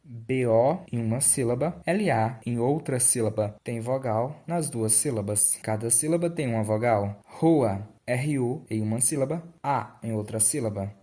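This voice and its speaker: A man teaching a grammar lesson, deliberately spelling out examples sound by sound. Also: mid-range voice, mellow. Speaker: Portuguese language teacher.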